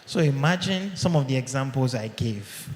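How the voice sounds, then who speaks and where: At a tech conference, a man speaks to an audience through a handheld or podium mic in a large hall, and the sound carries a long, echoing reverb with slight background noise. His mid-range voice has lively intonation and a moderate pace. The talk is conversational, and he often checks in with "okay?"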